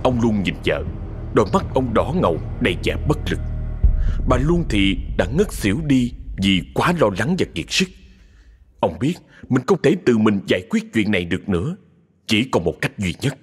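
Guy narrating a spooky story, lowish voice with lots of swing, faint music behind. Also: normal speed. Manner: dramatic, expressive storytelling. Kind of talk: scripted horror story narration.

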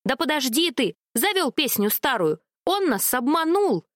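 A woman's voice: high voice, unhurried, no echo, studio quality, voice pushed up. Woman doing a hot-tempered, indignant rook. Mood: accusing. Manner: indignant, excitable.

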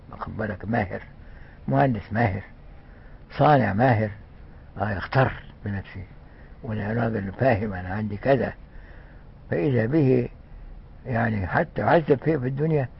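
Older man, Egyptian accent, religious lesson, halting conversational delivery, dull muffled recording. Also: medium pitch, gravelly, slightly rough. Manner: conversational preaching with frequent fillers and restarts. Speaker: religious scholar.

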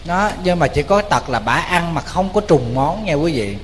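A man with a Southern Vietnamese accent, a Buddhist monk preaching a storytelling sermon in a somewhat high voice. He is animated and colloquial and speaks straight to his listeners. His voice carries a long hall reverb over a faint background hiss. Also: moderate pace. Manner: animated, addresses the audience directly, colloquial.

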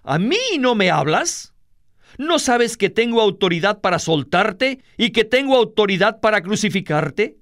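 A stern roman governor, read out by a man who questions in a slow, smooth, slightly high voice. his measured tone is pressed hard but stays controlled. dry, close sound with nothing around it. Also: lively intonation, a bit bright, no room sound, heavily acted. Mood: questioning.

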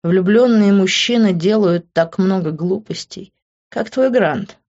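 A woman voicing a pushy, possessive young man in an audiobook, in an insistent, smooth-talking manner. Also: medium pitch, a little slow, a little mellow. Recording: dull lo-fi recording.

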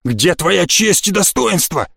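A man's voice: sits high, very animated, unhurried, vocal fry, a bit bright, breathy edge, no room sound, clean studio sound, pitched above the performer's own voice, full character voice. A man voicing a hot-headed, burly male warrior who speaks in an angry, accusing tone in an audiobook. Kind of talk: audiobook character voice.

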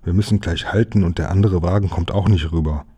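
A man's voice: sits low, brisk, dark tone, slightly rough. A man voicing a cocky, streetwise city boy who talks in slang. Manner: cocky, slangy, whispering at times.

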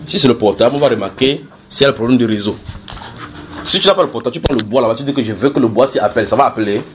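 Male preacher, brisk Bible teaching, repeats his points and quizzes the room, faint hiss behind. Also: mid-range voice. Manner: explanatory, repeats key phrases, builds everyday analogies; asks listeners questions and draws call-and-response. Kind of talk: sermon-style Bible teaching to a group.

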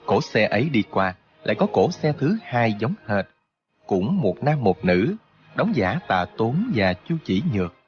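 A man narrating a martial arts novel for an audiobook, in an expressive, steady storytelling manner. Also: fairly low pitch, dull audio.

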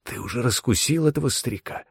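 A man's voice: medium pitch, lively intonation, quick pace, vocal fry, husky, no room sound, studio quality, pitched above the performer's own voice, exaggerated voice. A man voicing an anxious young male apprentice magician in an audiobook, whispering urgently. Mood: alarmed.

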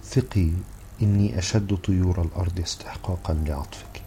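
Guy reading an excitable young man in love, deep dark voice, pleading. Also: fairly quick, vocal fry, slight background noise. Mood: eager pleading. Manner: eager, pleading. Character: earnest lovestruck young Egyptian man, excitable.

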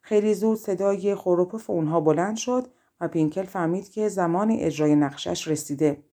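A woman narrating a fairy-tale audiobook in a calm, even storytelling manner. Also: lowish voice.

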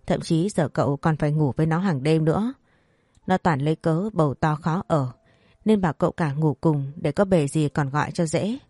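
A woman storyteller reading a scripted family drama story, quickening when the characters quarrel. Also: low-pitched, warm tone, slightly rough, no room sound, studio quality. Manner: reads all characters in a lightly varied voice, quickening for quarrels.

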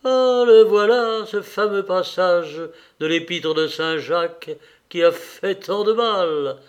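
A man voicing a weary, solemn high official who talks in a preaching way. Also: expressive, takes it slowly, exaggerated voice.

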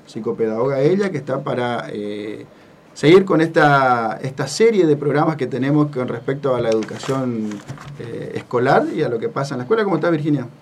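A man's voice: mid-range voice, normal speed. A man with an Argentine accent hosting a casual radio talk show, friendly and earnest, his throat slightly sore. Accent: Argentine Spanish. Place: radio studio. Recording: distant mic with faint noise.

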